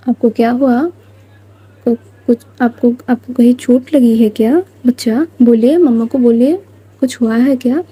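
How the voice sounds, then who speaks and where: A woman playing a patient young mother in a spoken love story who coaxes her child softly. Her voice is husky and dark, her pace unhurried, and the sound is dry and close. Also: a little high, steady tone, rough recording. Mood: soothing. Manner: soft, coaxing, patient. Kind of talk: storybook narration with voiced lines.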